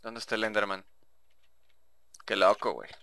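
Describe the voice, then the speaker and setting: A man's voice: fairly low pitch, normal speed, vocal fry, very noisy. A young man with a Mexican Spanish accent giving casual, chatty gameplay commentary, swearing and talking to himself. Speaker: gaming YouTuber.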